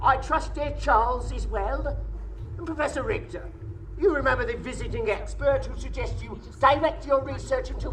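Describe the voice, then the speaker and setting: An actor playing a suave, gloating ancient vampire in a theatrical audio drama, speaking with pompous, mocking courtesy. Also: male voice, extremely high pitch, normal speed, fairly bright tone, a little hiss or hum, rough recording. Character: Count Dracula, suave gloating ancient vampire posing as professor. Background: music.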